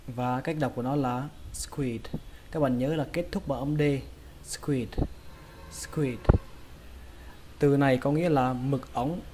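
A man teaching English pronunciation in a casual lesson, repeating each word slowly and carefully. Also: mid-range voice, fairly even intonation, mellow, slight background noise. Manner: slow, drawn-out repetition of words.

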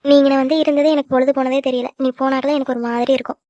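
A woman voicing a tender, emotional middle-aged mother in a cartoon, talking quickly and fondly. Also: high voice, level tone, warm tone, no room sound, close to an everyday voice. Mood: tearful. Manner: affectionate, quick, tearful at times. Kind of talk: cartoon voice acting. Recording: dry, dull lo-fi recording.

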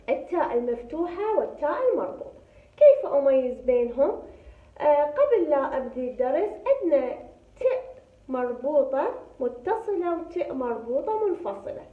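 A woman with an Iraqi Arabic accent teaching a primary school spelling lesson. She speaks patiently, repeating words slowly and stressing each letter sound. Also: high voice. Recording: echoey room, tinny phone-like sound.

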